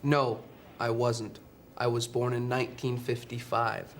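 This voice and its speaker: A sheepish job applicant, voiced by a man in a scripted comic sketch for learners. He talks slowly and gives short, hesitant, apologetic answers. There is a faint hiss behind him. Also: medium pitch, flat delivery, close to an everyday voice. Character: meek adult man job applicant who lied.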